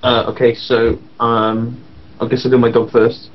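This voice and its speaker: A man with a medium-pitched voice talks casually during a tabletop game. The sound is slightly muffled, like lo-fi voice chat. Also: monotone, measured pace. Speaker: player in tabletop role-playing game. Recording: dull lo-fi voice-chat audio.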